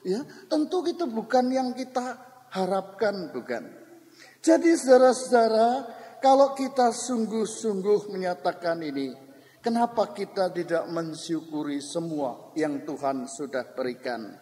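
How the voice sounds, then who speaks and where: An older Javanese-accented preacher with a high but dark, mellow voice delivers a lively sermon, addressing his congregation directly. His voice rings with a long echo through a church hall. The recording comes from an old cassette tape. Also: unhurried. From Central Java, Indonesia. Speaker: pastor.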